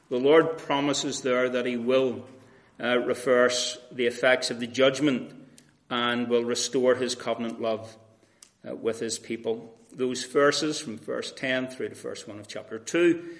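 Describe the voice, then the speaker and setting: A man preaching an earnest, conversational sermon, often restarting his phrases. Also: medium pitch.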